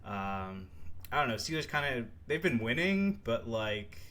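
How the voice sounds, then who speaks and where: A man's voice: mid-range voice, sing-song, measured pace, pushed and bright. A young man co-hosting a sports podcast, chatting casually and rambling with lots of fillers and laughs. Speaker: podcast co-host.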